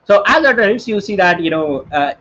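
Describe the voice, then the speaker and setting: In a high-pitched, bright, forceful voice at a moderate pace, a twenty-something Indian man teaches an online workshop in Indian English. His storytelling is animated and chatty, full of tag questions to check on listeners. It sounds dull and lo-fi, like a computer-mic stream, with faint hiss underneath.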